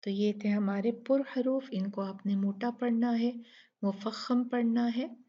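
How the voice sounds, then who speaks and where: Patient woman recitation teacher with an Urdu-speaking accent, unhurried, stretches each example word, muffled recording. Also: on the high side, steady tone, a little hiss or hum. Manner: slow, patient explaining, drawn-out recitation of words. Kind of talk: tajweed lesson.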